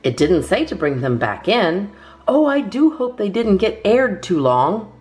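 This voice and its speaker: A woman's voice: mid-range voice, big pitch swings, measured pace, darkish tone. A woman voicing a cheerful, literal-minded housemaid in a children's storybook, with an earnest, innocent manner. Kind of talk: children's storybook character reading.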